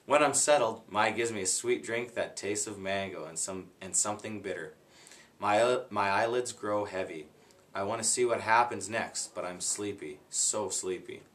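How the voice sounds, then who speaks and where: A man reading a children's book aloud in an unhurried, plain way, stopping now and then to redo a slip. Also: fairly low pitch, fairly bright tone. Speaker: guest reader.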